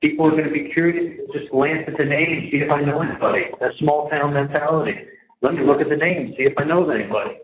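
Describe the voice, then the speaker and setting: Here a man phones from prison and talks quickly, his pitch sitting fairly high as he vents in exasperated, repetitive fashion about what's happened. The telephone handset on the recorded line gives a dull, echoey sound with faint noise.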